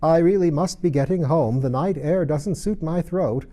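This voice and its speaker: A man's voice: on the high side, moderate pace, dark tone, voice pushed up, lightly acted. A man voicing a prim, fussy old magpie in a storybook. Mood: prim excuse.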